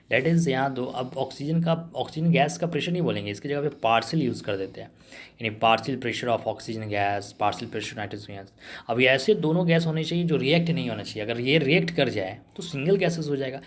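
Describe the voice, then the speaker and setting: A man's voice: mid-range voice, expressive, brisk. A male chemistry teacher giving a revision lesson, explaining step by step and asking the class rhetorical questions. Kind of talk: revision lesson in Hindi-English mix.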